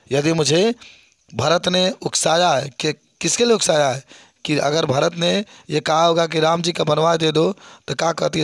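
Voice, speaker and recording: Man, gravelly voice, slightly high pitch, teacher explaining poetry verses, repetitive classroom style, dry close sound. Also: fairly bright tone, no echo. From India. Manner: explains line by line, repeats phrases, asks students questions. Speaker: Hindi literature teacher.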